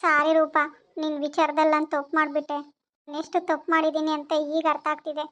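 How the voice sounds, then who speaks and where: An actress playing an anxious, gentle young wife who talks in a worried, pleading way. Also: female voice, high-pitched, monotone, fast talker. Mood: apologetic. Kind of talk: TV serial acting.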